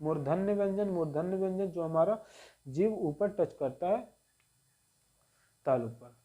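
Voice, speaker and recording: A man teaching the Hindi alphabet, slowly sounding out each letter and repeating key points. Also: sits high, mellow. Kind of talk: Hindi grammar lesson.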